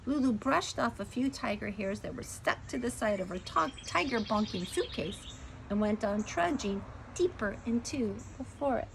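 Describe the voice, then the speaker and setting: A woman's voice: on the high side, expressive, normal speed, creaky, a little hiss or hum. A woman reading a children's story aloud, playful, stretching dramatic words and asking the listener questions.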